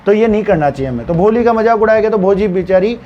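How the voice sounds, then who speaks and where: A man's voice: high-pitched, expressive, fast talker, dull audio, slight background noise. A male teacher retelling a story for students, acting out the characters' stammering and dialogue as he explains.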